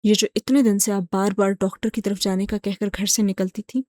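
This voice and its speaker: A woman's voice: mid-range voice, steady tone, no echo, lightly acted. A woman reading the lines of a betrayed young man who accuses his wife bitterly. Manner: accusing, wounded, sharp questions.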